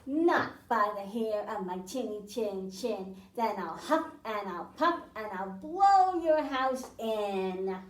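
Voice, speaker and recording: Big bad wolf played by a lady, greedy, booming drawn-out threats, storybook vibe, roomy echo. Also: animated. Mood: blustering, demanding. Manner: loud, drawn-out chanted threats. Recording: echoey room, mic at a distance.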